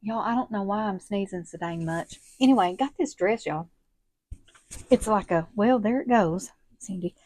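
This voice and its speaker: Speaking at a moderate pace with a mid-range, somewhat dark voice, a woman in her 50s rambles folksily to her viewers as she cleans up the house. This lifestyle vlogger's casual home chat is captured on a wired clip-on mic.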